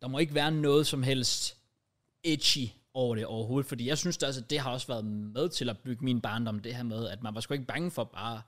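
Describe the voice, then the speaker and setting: Young Danish male, mid pitch, casual podcast chat full of slang and swearing. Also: fairly bright tone. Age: young adult. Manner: slangy, swearing, English loanwords mixed in.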